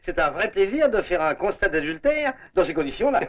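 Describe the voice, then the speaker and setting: A pompous, ceremonious police commissioner in an old film: formal speech, a fairly high male voice. The sound is dull and lo-fi. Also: big pitch swings, brisk, noisy background. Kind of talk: 1930s French film acting.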